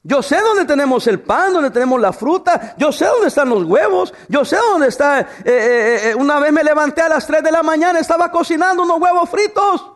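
A man's voice: very high voice, expressive, normal speed, few pauses. A man preaching a sermon, asking rhetorical questions and telling humorous stories about his wife. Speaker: pastor.

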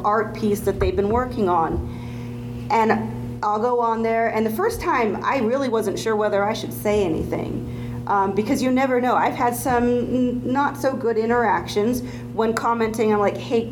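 Higher-voiced woman on a discussion panel. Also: noisy background. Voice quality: projected, theater-trained voice. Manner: chatty, anecdotal.

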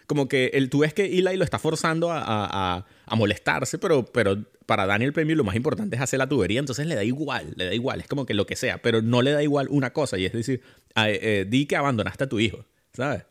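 Man, casual film chat, rambling, lots of restarts and fillers, average pitch. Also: lively intonation, quick pace.

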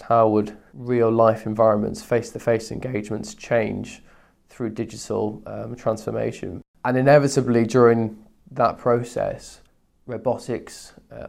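A man's voice: fairly low pitch, vocal fry, darkish tone. A man answering interview questions conversationally as a guest, hesitant and often repeating words as he searches for phrasing.

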